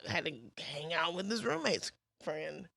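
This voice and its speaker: A woman's voice: sits low, sing-song, a little slow, vocal fry, a bit bright, dry recording, clean studio sound. A woman bartender in casual podcast chat, laid-back and swearing as she tells stories.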